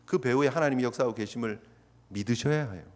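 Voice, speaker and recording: A man's voice: mid-range voice, fast talker, a little mellow. A male pastor preaching a fervent sermon, urging his congregation and acting out prayers along the way. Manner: fervent, exhorting, voices prayers as asides. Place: church sanctuary. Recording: long reverb of a church hall.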